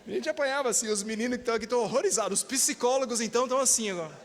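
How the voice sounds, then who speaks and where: A male preacher with a Brazilian Portuguese accent talks rapid-fire in a very high voice. His sermon is emphatic, full of calls for amens and acted-out quoted voices, and it echoes through a reverberant church hall.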